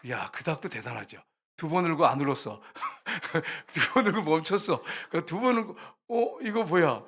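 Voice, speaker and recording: A man's voice: fairly high pitch, big pitch swings, moderate pace, a bit bright, slightly rough. A male pastor preaching a sermon, telling a story vividly, acting out voices and rooster crows, and often speaking straight to the congregation. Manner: often addresses the congregation directly.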